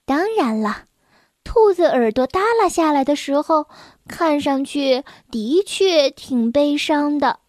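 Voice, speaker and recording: A woman narrating a children's storybook in a gentle, unhurried manner. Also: high-pitched, lively intonation, no echo, clean studio sound.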